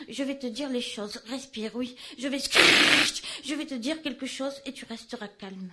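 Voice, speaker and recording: Brief: woman, fairly high voice, intense theatrical spoken-word poet. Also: moderate pace, very noisy. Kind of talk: spoken-word poetry performance.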